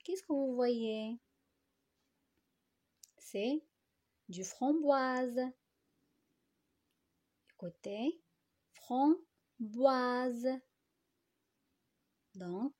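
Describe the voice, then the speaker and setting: A primary school teacher, a woman with a slightly high, mellow voice, leads a phonics lesson for young children. She speaks slowly and deliberately, repeating words and stretching them out one syllable at a time.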